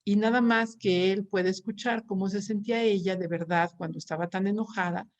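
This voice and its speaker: A woman's voice: medium pitch, steady tone, a little fast, dull audio. A woman with a Mexican accent giving a conference talk as a therapist, telling stories with many restarts and tag questions. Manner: warm storytelling with frequent restarts and tag questions.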